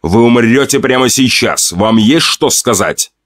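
A man voicing a calm, merciless male axe murderer in a horror audiobook, speaking flatly and without hurry. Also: mid-range voice, no echo, natural voice. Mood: calm menace. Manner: cold, flat, unhurried.

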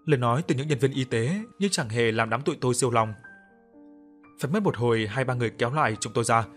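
A man narrating a story in the first person, with a somber, measured reading and acted dialogue. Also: mid-range voice.

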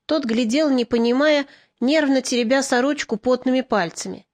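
A woman narrates a literary novel in a steady, expressive way. Her voice sits fairly high, and the close mic gives a dry, plain recording with no room around it. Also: moderate pace, no room sound. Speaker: audiobook narrator.

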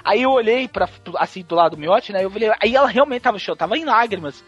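Man, podcast host, very high voice, lively, husky, dull lo-fi sound, faint music. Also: quick pace. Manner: excitable, crude, mimics people. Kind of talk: comic storytelling.

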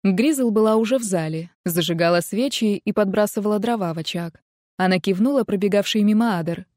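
A woman narrating a romance novel as an audiobook, in even, steady storytelling. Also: mid-range voice, fairly quick, no room sound, studio quality.

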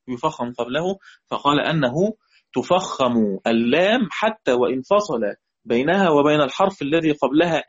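An Egyptian man teaching recitation rules in a lecture, with a husky voice that sits a little high. He keeps asking the class questions and repeats the example words in a chant. The recording is dull and lo-fi. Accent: Egyptian Arabic.

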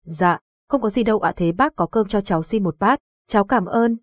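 A woman voicing a young village man who is anxious but steady, reassuring and polite to elders. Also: mid-range voice, a little fast, no echo, lightly acted. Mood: earnest.

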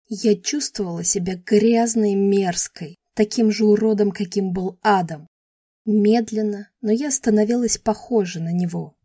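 A woman's voice: mid-range voice, dark tone, slightly rough, no echo, studio quality. A woman reading a first-person novel aloud, dramatically and with emotion. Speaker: audiobook narrator.

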